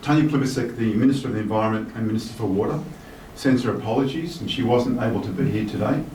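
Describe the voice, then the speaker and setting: An Australian man in his fifties, a guest speaker, reads a minister's message and adds personal remarks in a relaxed way, using "um" as filler. His medium-pitched voice moves fast, captured from a distance in an echoey hotel reception hall with faint noise.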